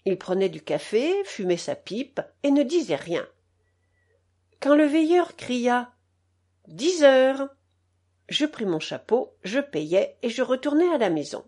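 A woman narrating an audiobook in a measured, expressive reading style. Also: husky. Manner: slow and measured, with expressive pitch. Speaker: audiobook reader.

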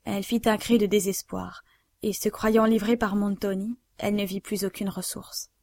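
A woman narrating a novel aloud in a measured, even way. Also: mid-range voice, creaky, no echo. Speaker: audiobook narrator.

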